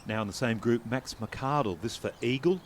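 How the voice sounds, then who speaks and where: A man's voice: medium pitch, normal speed, slight background noise. A man with an Australian accent hosting and giving golf commentary.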